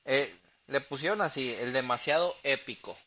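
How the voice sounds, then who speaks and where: Bright-voiced joking Mexican man. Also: mid-range voice, normal speed. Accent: Mexican Spanish. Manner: joking, laughs often, mimics people. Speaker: podcast co-host. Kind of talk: casual chat among friends. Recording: faint hiss.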